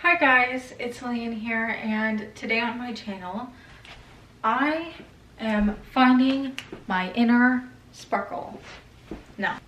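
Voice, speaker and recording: A woman's voice: fairly high pitch, takes it slowly, pauses often, recorded from a distance, muffled recording, over music. Chatty young woman in an echoey room. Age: 20s. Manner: chatty, swears casually, trails off and restarts. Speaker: lifestyle vlogger. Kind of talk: casual vlog chat. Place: bedroom at home.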